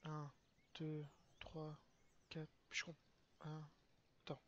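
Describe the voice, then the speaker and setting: A man's voice: on the high side, a little slow, fairly bright tone, muffled recording. A man streaming a game in casual commentary, crude and slangy, often muttering and counting aloud to himself.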